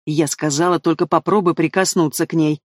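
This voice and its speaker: A man's voice: fairly high pitch, steady tone, brisk, no room sound, clean studio sound, close to an everyday voice. A man reading an audiobook, voicing a spiteful, scornful queen who hisses her threats. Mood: threatening. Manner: hissing, scornful. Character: spiteful hissing queen, cruel stepmother.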